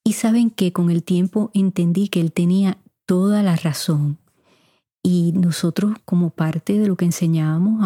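This is a middle-aged woman from Puerto Rico answering listeners' questions on her podcast, chatting at an easy pace and talking right to them. Her pitch is fairly low and her tone warm, her accent mostly neutral, and the studio mic in her home room gives a dry, clean sound.

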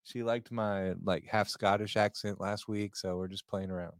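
A man's voice: fairly low pitch, fairly even intonation, moderate pace, clear, resonant tone, dry recording, studio quality. A man co-hosting a casual podcast, joking around and laughing often as he chats about work and life. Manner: playful, jokey, laughs often. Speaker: podcast co-host.

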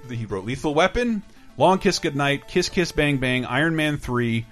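A man's voice: a little high, lively intonation, normal speed, a bit bright, faint music behind. A man hosting a podcast in casual chat, rambling and enthusiastic, swearing freely. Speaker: podcast host.

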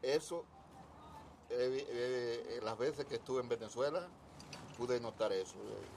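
Older Dominican man, measured and hesitant. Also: mid-range voice, gravelly, background noise. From Dominican Republic. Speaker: guest, merchant sailor. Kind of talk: casual chat at a dinner table.

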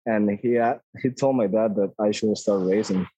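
A man's voice: lowish voice, moderate pace, warm tone, breathy edge, dry recording, dull audio. A man in his twenties from Costa Rica with a Costa Rican Spanish accent, a native Spanish speaker talking easygoingly as an interview guest, often hedging with "like". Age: 20s. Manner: easygoing, laughs often, hedges with like. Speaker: guest, ATV racer. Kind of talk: casual interview.

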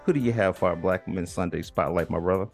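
A man's voice: low-pitched, fast talker, vocal fry, soft background music. A man hosting a podcast in casual chat, with playful, teasing banter. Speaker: podcast host.

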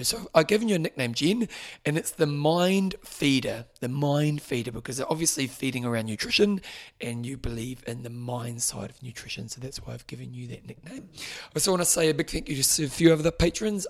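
A man hosting a podcast, chatting casually and rambling a little, slightly hoarse from losing his voice. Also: fairly high pitch. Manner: rambling, chatty, self-correcting. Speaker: podcast host. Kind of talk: casual podcast intro and interview.

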